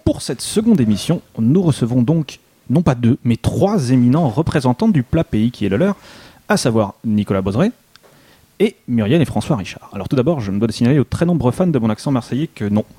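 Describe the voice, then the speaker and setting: A man's voice: medium pitch, sing-song, fairly quick, dark tone, breathy edge. A man co-hosting a radio show, reading a mock-solemn, ironic introduction. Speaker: co-host. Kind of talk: scripted humorous introduction.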